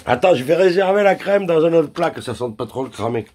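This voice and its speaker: Brisk and animated, a man with a voice on the high side and a darkish tone chats through a cooking vlog in his home kitchen. He jokes about his mistakes, swears freely, and speaks directly to viewers as he cooks, with slight background noise present.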